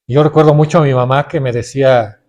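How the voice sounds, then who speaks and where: A man's voice: medium pitch, steady tone, quick pace, a little mellow, lo-fi sound. A middle-aged man with a Mexican Spanish accent preaching a sermon, often calling his listeners brothers and putting questions to them.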